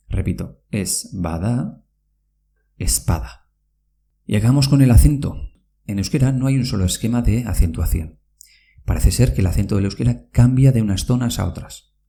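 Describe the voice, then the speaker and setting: Low gravelly male language teacher. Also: mellow. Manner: slow, careful, spells words letter by letter and repeats them. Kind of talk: podcast pronunciation lesson.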